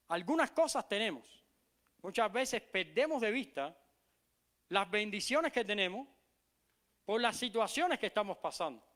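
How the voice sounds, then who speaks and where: A middle-aged man from Cuba with a Cuban Spanish accent, preaching a sermon as pastor, emphatic and repeating key phrases, sometimes dropping to soft low asides.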